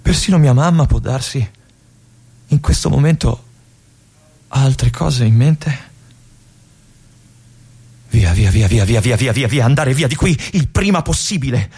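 A restless young army lieutenant, trapped in a remote fortress and brooding alone in a theatrical radio monologue. His husky, breathy voice often sinks to a whisper, with a lively, wide-ranging pitch that swings between hushed musing and agitated outbursts. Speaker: stage actor.

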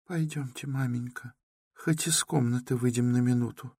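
A man reading an audiobook who voices a proud, quick-tempered young woman speaking softly and earnestly. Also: high voice, wildly swooping pitch, breathy edge, dry recording, studio quality, pitched above the performer's own voice, exaggerated voice. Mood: frightened.

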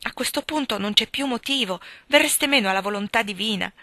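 A woman reading the lines of an impassioned young gentleman suitor who pleads insistently, rising to loud outbursts. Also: fairly high pitch, fairly quick, dry recording. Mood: pleading. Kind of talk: audiobook reading.

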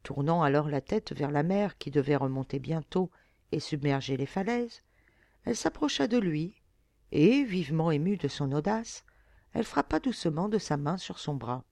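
A woman reading an audiobook aloud with expressive storytelling. Her pitch moves in a lively way, and the recording is close and dry. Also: moderate pace, creaky, no room sound. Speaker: audiobook reader. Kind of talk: audiobook narration.

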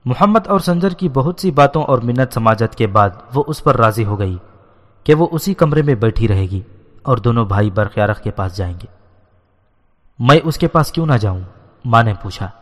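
A man steadily reading a historical novel aloud as narrator. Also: mid-range voice. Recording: long hall reverb.

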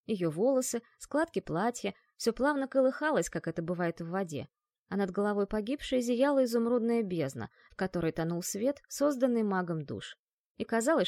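Female audiobook narrator, measured and expressive, dry close recording. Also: medium pitch, no room sound. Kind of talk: scripted narration.

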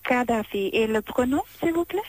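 A woman hotel receptionist on a phone call, polite and formal, her French a little halting. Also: on the high side, expressive, dry recording.

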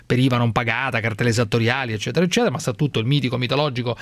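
A man's voice: medium pitch, racing, a bit bright, no echo. A man hosting a radio phone-in with spontaneous banter, cutting in and repeating phrases for emphasis.

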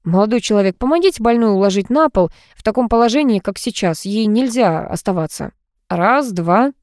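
A matter-of-fact male ambulance doctor gives short, businesslike instructions, read by a woman narrating an audiobook. The voice is mellow rather than bright. The recording is dry and close. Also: mid-range voice, animated, fairly quick, no room sound, lightly acted.

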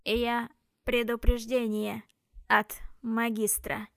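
A woman reading an audiobook and voicing a menacing metallic automaton, grating and mechanical, with a slow and deliberate delivery. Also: a little high, little pitch movement, gravelly, fairly bright tone, dry recording, studio quality, full character voice. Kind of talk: audiobook narration.

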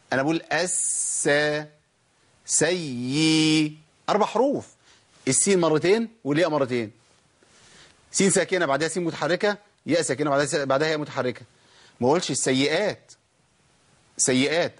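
A man with an Egyptian accent teaching Quran recitation, who asks the class questions, answers them himself, and draws out example words slowly. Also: on the high side, breathy edge. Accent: Egyptian Arabic. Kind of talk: tajweed lesson.

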